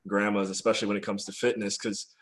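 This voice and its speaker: Young adult male host; easygoing, talkative interviewer, slightly low voice. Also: little pitch movement, quick pace, fairly bright tone. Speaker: podcast host. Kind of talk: casual interview.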